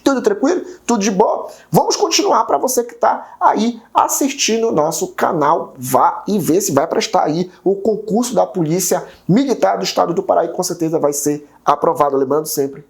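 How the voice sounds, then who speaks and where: A man's voice: sits high, gravelly, darkish tone. A man with a Brazilian Portuguese accent teaching an exam-prep video lesson, explaining step by step and tagging sentences with questions. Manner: explanatory, constant tag questions.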